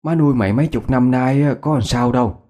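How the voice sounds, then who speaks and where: A man's voice: medium pitch, fast, warm tone, close to an everyday voice. A man doing a protective mother. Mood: coaxing. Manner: coaxing, then sulky scolding. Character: worried, protective middle-aged mother.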